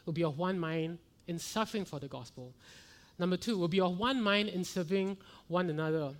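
A middle-aged man preaches from the pulpit in an earnest sermon. His voice sits fairly high for a man, and he climbs into fervent rhetorical questions as he presses his points. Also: a little fast. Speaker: pastor.

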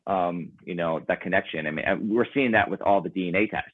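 Speaking a little fast in a low register, this man, whose first language is Ukrainian, talks about his band as a relaxed interview guest, musing and wandering with plenty of fillers. The recording is dry and sounds tinny, like a phone line.

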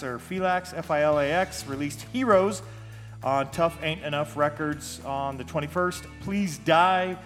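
A man hosting a casual podcast from an echoey, stripped-out basement, reading through a list and spelling out names letter by letter. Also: fairly high pitch. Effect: strong room echo from a bare basement. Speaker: podcast host. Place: stripped-out basement room after a flood. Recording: echoey bare basement, faint music behind.

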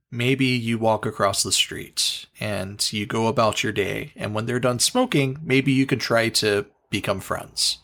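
A man's voice: medium pitch, fairly bright tone. A man co-hosting a podcast, giving earnest advice in casual talk. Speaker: podcast co-host.

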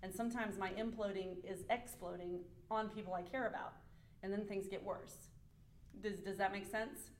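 A woman's voice: medium pitch, steady tone, moderate pace, reverberant, a little hiss or hum. A woman leading a studio group discussion, asking questions and acting out examples. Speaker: discussion leader.

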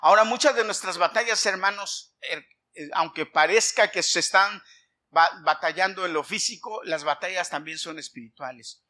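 A middle-aged man preaching a sermon, telling a personal story with animated delivery and repeatedly addressing the congregation as brothers. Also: high voice, normal speed. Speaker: pastor.

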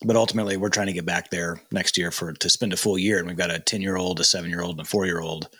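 A man's voice: low voice, steady tone, quick pace, sharp tone, breathy edge. A man hosting a podcast interview, talking conversationally with plenty of fillers and short backchannels. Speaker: podcast host. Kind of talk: casual interview chat.

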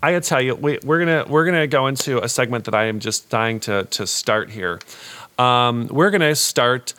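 A man's voice: medium pitch, normal speed, bright, forceful tone. A man speaking as a campy, theatrical drag queen co-host in a casual comedic podcast chat. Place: recording studio.

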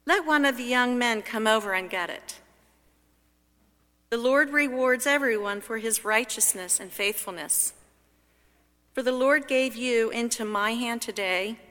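A woman reading scripture solemnly at a church service, with measured, deliberate phrasing, in a cathedral-like echo. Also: on the high side, sharp tone. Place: large reverberant church. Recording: cathedral-like echo, long reverb.

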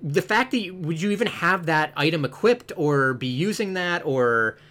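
A man's voice: fairly high pitch, animated, normal speed, fairly bright tone. A man chatting casually about a video game, rambling and full of "like" fillers, with the odd swear.

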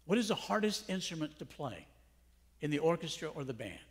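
A man's voice: on the high side, big pitch swings, a little fast. A middle-aged male pastor preaching a sermon in a conversational way, full of rhetorical questions. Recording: long hall reverb.

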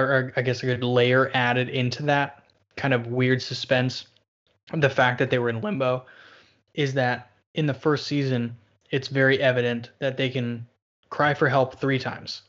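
Animated man in lo-fi casual chat. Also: mid-range voice, unhurried. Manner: animated, laughs, acts out quotes from the show. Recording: dull lo-fi sound.

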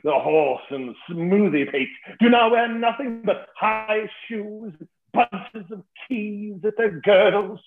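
A man's voice: high voice, heavily acted. A man playing a boastful, witty old knight, mocking and savoring his insults in a theatrical play reading. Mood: indignant. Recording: tinny phone-like sound in an echoey room.

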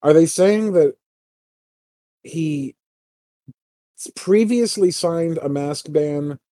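A man's voice: fairly high pitch, takes it slowly, warm tone, dry recording, clean studio sound. A man co-hosting a podcast, talking in a rambling casual way, full of "like" fillers and the odd swear. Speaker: podcast co-host. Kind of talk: casual political chat.

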